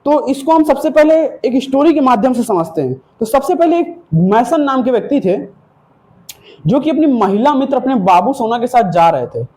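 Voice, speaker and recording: A man's voice: extremely high pitch, sing-song, normal speed, darkish tone. A male teacher giving an exam-prep history lesson, telling it as a story and asking and answering his own questions.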